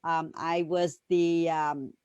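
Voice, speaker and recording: A woman from Vietnam talks in a chatty, joking way, with a fairly low voice. The sound is close and dry. She often drops in small laughs. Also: level tone, slow pace, a little mellow, smooth, no echo, lo-fi sound. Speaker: co-host. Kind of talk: casual talk show chat.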